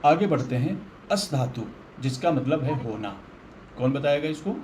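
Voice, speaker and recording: A man's voice: mid-range voice, expressive, a little slow, darkish tone, slight background noise. A man teaching a Sanskrit grammar lesson, patiently explaining with everyday examples.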